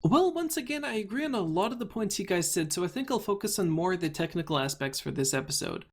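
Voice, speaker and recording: A man's voice: high-pitched, expressive, quick pace. A man hosting a casual review discussion, leading the talk and laughing easily. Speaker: podcast host.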